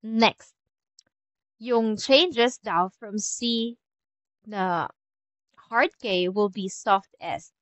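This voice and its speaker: A woman from the Philippines giving a casual French lesson, chatty and repeating example words slowly. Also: mid-range voice, a bit bright, no room sound, low-quality recording. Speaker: French teacher.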